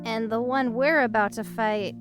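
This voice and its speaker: A man voicing an excitable young woman adventurer in an audiobook, eager and full of chattering questions. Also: very high-pitched, moderate pace, over music, voice pushed up. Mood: curious. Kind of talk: audiobook character voice.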